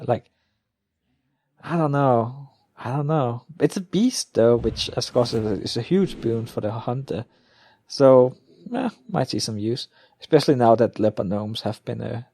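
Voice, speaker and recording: A man's voice: medium pitch, creaky, darkish tone, husky, no echo. A man giving casual, off-the-cuff commentary as a gamer, thinking aloud and often trailing off. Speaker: gamer opening card packs.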